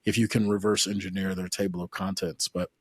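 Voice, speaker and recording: A man's voice: low voice, little pitch movement, fairly quick, husky, dry recording, studio quality. Friendly rambling male podcast host. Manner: friendly, rambling, restarts his sentences. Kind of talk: casual interview chat.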